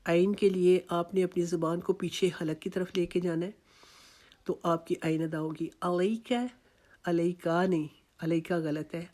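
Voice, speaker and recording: A woman teacher with a Pakistani Urdu accent gives a tajweed lesson in a fairly low voice. She breaks each word into slow syllables and repeats them with patient care, then explains the pronunciation rules plainly. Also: little pitch movement, dark tone. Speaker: Quran recitation teacher.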